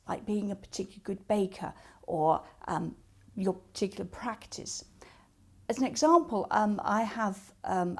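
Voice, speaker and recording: Speaking as a coach, a woman with a mid-range, darkish voice walks through practical advice one step at a time. She gives instructional tips and examples, acting out sample remarks to illustrate them.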